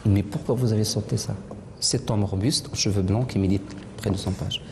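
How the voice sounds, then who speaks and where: A woman's voice: rumbling low, steady tone, fairly quick. A woman teacher leading a French literature lesson in a classroom, patiently repeating her pupils' answers. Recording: echoey classroom, noisy, from a distance.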